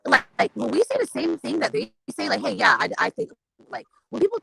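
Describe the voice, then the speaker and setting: A panelist in an online discussion, talking fast and animatedly with many restarts over a video call whose stream is dropping and garbling the voice. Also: sits high, vocal fry, slightly rough, no echo. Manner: rapid, animated, many restarts and filler words. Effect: voice garbled and breaking up over a failing online stream.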